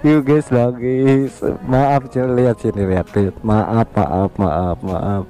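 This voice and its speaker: A man's voice: medium pitch, steady tone, takes it slowly, mellow, soft background music. A young man, casually chatting and teasing his girlfriend in a prank vlog. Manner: playful, teasing, laughs a lot.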